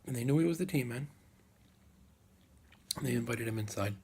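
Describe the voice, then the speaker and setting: A man telling a folk tale aloud as a live storyteller, unhurried, with dramatic pauses and repeated phrases. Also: medium pitch, a little mellow, slight background noise.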